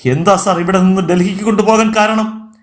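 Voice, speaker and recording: A man voicing a distraught young wife and mother who pleads in a high, strained voice as she begs for answers. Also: flat delivery, moderate pace, natural voice. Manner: pleading and shrill with panic.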